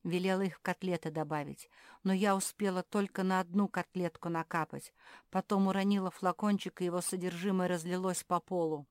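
A woman's voice: on the low side, fairly even intonation, a little fast, darkish tone, no room sound, clean studio sound, pitched above the performer's own voice, natural voice. A woman voicing a guilty, tearful young female character in a storybook reading. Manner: confessing, sniffling.

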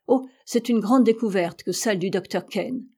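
A woman's voice: mid-range voice, normal speed, darkish tone, husky, lightly acted. A woman voicing a stubborn, proud American explorer who argues insistently and heatedly.

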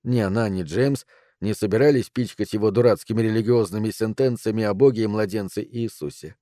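A man reading a novel aloud in a calm, measured way. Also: on the low side, no room sound, studio quality. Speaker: audiobook narrator.

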